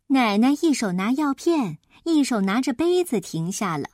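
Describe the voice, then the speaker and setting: A woman reading a children's story aloud in an expressive way. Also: a little high, no echo, clean studio sound. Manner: slow, lively, expressive.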